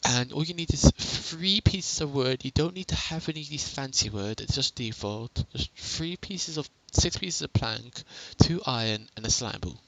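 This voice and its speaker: A young man casually narrates a game tutorial on a headset at home, rambling, chatty, and correcting himself as he goes. His mid-range, fairly bright voice runs at normal speed with hardly any pauses, over slight background noise and poor audio quality.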